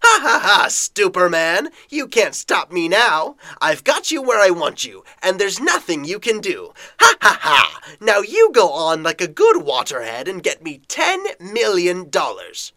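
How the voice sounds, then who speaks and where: A man's voice: high-pitched, wildly swooping pitch, measured pace, hardly any pauses, pushed and bright, dry recording, exaggerated voice. A man voicing a gloating male water-creature villain who cackles and taunts.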